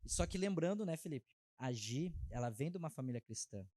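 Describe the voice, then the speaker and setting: A man, sharing his personal testimony as an interview guest in a heartfelt, halting way. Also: a little high, lively intonation, warm tone, no echo. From Brazil. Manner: heartfelt, halting, frequent filler tags.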